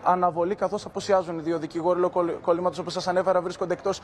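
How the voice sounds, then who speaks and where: A man reporting live from outside, briskly relaying information to the studio. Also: high voice, flat delivery, a little hiss or hum. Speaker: field reporter.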